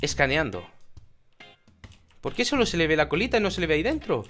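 Excitable high-voiced Spanish gamer. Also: male voice, brisk, soft background music. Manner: excitable, shouts in bursts of joy, chatty with viewers. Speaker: gaming YouTuber. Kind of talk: casual Minecraft let's play commentary.

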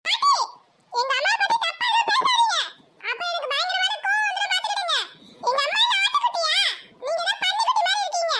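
A woman's voice: very high-pitched, measured pace, full character voice. A woman voicing a pouty, cheeky little cartoon girl with a Kanyakumari Tamil accent and a whiny, pleading voice. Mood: defiant. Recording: loud background hiss.

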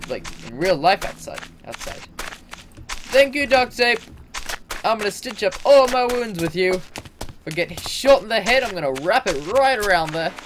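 Excitable man narrating his own gameplay. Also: high-pitched, moderate pace, background noise. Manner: excitable, talks to himself and the game, self-mocking. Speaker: gaming video host. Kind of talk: let's play commentary.

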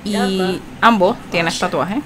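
A woman giving casual, chatty commentary over her gameplay, reacting with animated exclamations. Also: medium pitch, slow, a crowd in the background. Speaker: gaming channel host.

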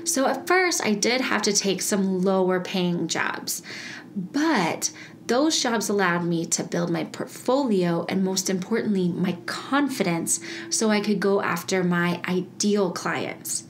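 A woman's voice: mid-range voice, slow pace, a little hiss or hum. Bubbly chatty woman podcast host. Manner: bubbly, chatty, laughs often. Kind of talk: casual solo podcast.

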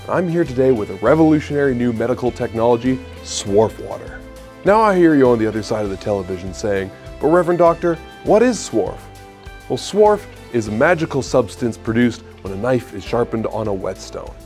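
A man playing an earnest spokesman selling a fake health product in a parody infomercial, with a smooth salesman delivery. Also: medium pitch, big pitch swings, fairly quick, a little mellow, faint music behind.

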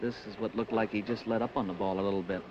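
A man giving color commentary on a televised bowling match, halting and rambling with fillers, on an old hissy broadcast recording. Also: on the low side, fairly even intonation.

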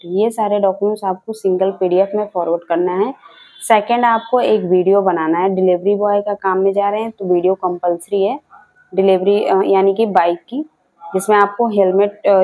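A woman's voice: mid-range voice, dark tone, rough recording. A young woman from India hosting a job vacancy channel, explaining the details to camera and repeating the key points, recorded indoors on a clip-on mic. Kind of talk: informational video talk to camera. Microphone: clip-on mic seen on scarf.

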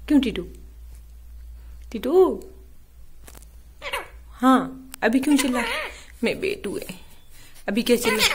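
Woman, home pet vlogger, slow affectionate baby talk to a parrot, noisy phone recording. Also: a little high. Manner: affectionate, laughing often, coaxing sing-song. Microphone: phone camera.

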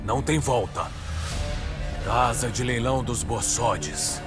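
A man plays a commanding heist boss in a video game. He speaks gravely at a medium pitch, with music clearly behind him. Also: slow, lightly acted. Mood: solemn. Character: grave, commanding male leader of a heist crew. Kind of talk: dubbed video game acting.

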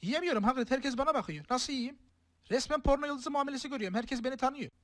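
A man's voice: very high voice, fast, a bit bright, no room sound. A man voicing an aggrieved, whining teenage wizard boy who complains and swears in a comic parody film dub. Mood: aggrieved, baffled. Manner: complaining, foul-mouthed.

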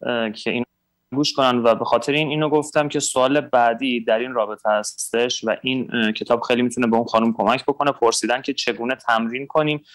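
A man's voice: mid-range voice, fairly bright tone, no echo. A male TV host who politely relays viewer questions, hesitant and full of fillers. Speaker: TV show host. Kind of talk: TV talk show hosting.

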